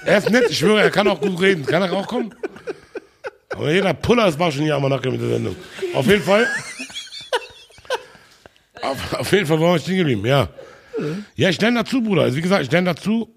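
A man's voice: fairly high pitch, animated, quick pace, vocal fry, pauses often, a little hiss or hum. A man guesting on a podcast, chatting casually and joking boisterously with a lot of laughter.

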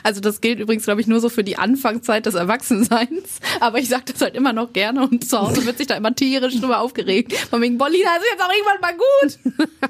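A woman's voice: a little high, fast talker, few pauses, husky, no room sound. A woman co-hosting a podcast in casual chat, chatty and laughing often, acting out what others said. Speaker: podcast co-host.

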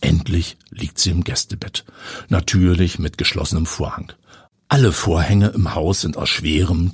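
A man with a low, very breathy and husky voice narrates a story with suspense, now and then sinking to a whisper. His melody moves a lot. The sound is close and dry, with no room echo. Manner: suspenseful, sometimes dropping to a whisper. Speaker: audiobook narrator. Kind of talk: scripted narration.

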